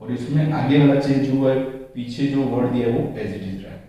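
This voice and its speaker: A man's voice: medium pitch, level tone, normal speed, warm tone, dull audio. A male English grammar teacher who goes through slides step by step, repeats each rule and asks and answers his own questions. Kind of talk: slide-based grammar lesson. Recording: very echoey room, voice from a distance.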